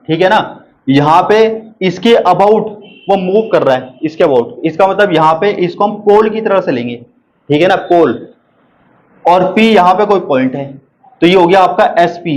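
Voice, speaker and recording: A man's voice: sits high, rough recording. A man teaching a maths lesson, repeating each step and asking and answering his own questions. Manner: reads English problem text slowly and deliberately. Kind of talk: board lesson explaining proofs.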